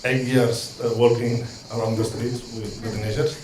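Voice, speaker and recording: In a reverberant, noisy space, a Catalan man talks in English with a Catalan-Spanish accent about being a street social educator, reading earnestly from notes. Medium-pitched and fairly monotone, he goes at normal speed but stumbles through ums and restarts, adding warm asides.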